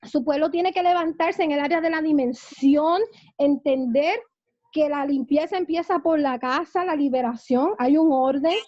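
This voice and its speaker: A woman pastor leads a church seminary class in a fervent preaching manner, often breaking into amens. Her voice sits very high. The recording is dry and slightly muffled. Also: normal speed, darkish tone, no room sound.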